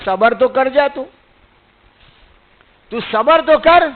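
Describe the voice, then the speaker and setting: High-voiced preacher on a tinny recording. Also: male voice, lively intonation. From India. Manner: exhorting, asks listeners rhetorical questions. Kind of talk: religious sermon. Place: mosque gathering.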